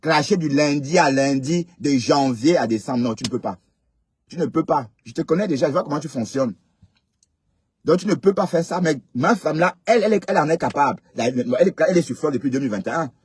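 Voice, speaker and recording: A man's voice: on the high side, expressive, quick pace, husky. A man hosting a live stream, commenting casually and emphatically, repeating phrases and checking that listeners agree. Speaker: livestream host.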